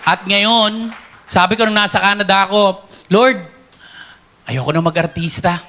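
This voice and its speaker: A man's voice: high-pitched, measured pace, sharp tone, a little hiss or hum. A middle-aged man, a former comedy actor, telling his personal faith testimony in an earnest, emotional, conversational way.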